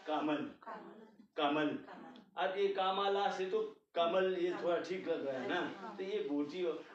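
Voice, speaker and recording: A man's voice: high voice, fairly even intonation, measured pace. A man teaching a language class patiently, often checking whether his students follow. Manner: patient, repeats "ठीक है" often, checks understanding. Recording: echoey room, distant mic, dull sound.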